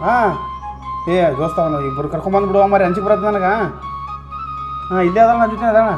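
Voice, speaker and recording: Fast-talking high-voiced North Karnataka man. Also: muffled recording, music in the background. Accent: North Karnataka Kannada. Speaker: comedian. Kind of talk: comic sketch acting.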